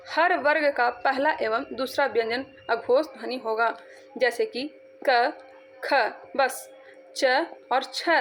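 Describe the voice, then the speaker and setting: A woman teaching an exam-prep lesson, repeating points and quizzing her students as she goes. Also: high-pitched. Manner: repetitive, quizzing, drawn-out syllables.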